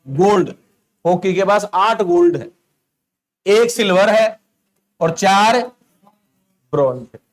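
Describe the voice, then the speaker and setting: A male coaching teacher with a Rajasthani Hindi accent giving an exam-prep lecture, asking the class questions, answering them himself and repeating names slowly for dictation. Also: high voice, lively intonation.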